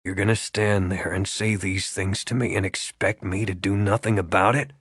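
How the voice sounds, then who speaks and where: A man voicing a terse, steady adult man who speaks low and clipped. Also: moderate pace, slightly rough, no echo. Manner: low, clipped, understated delivery. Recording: dry close studio sound.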